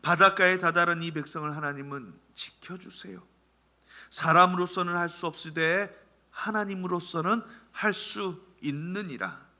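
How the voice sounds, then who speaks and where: A man preaching a Sunday sermon, swinging from loud calls down to soft, near-whispered lines. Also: high-pitched, normal speed. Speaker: pastor.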